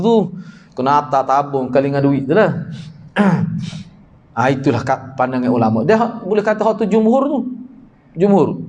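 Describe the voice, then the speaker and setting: A man's voice: a little high, darkish tone, slight background noise. A man from Malaysia with a Kelantanese Malay accent, teaching a hadith study class in a conversational way, explaining terms and putting questions to his listeners. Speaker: religious teacher.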